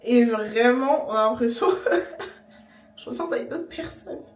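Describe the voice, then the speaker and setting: A young woman chatting casually to camera in her vlog, slangy and relaxed, sometimes talking with her mouth full. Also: fairly high pitch, measured pace. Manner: chatty, slangy, talks while eating. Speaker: vlogger. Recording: echoey room, voice a bit distant.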